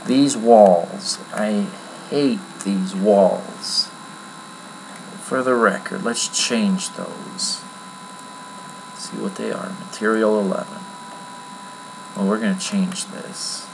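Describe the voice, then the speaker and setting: A man giving a casual, rambling screen-recorded software tutorial from his computer at home, with many fillers. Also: fairly low pitch, steady tone, slow pace, vocal fry, pauses often, background noise. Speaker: tutorial maker.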